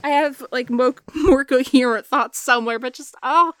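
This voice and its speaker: A young woman gushes in a casual fan chat, laughing often and swearing freely. Her voice is bright and a little high, recorded dry and close with no room sound around it. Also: normal speed, clear, resonant tone, dry recording.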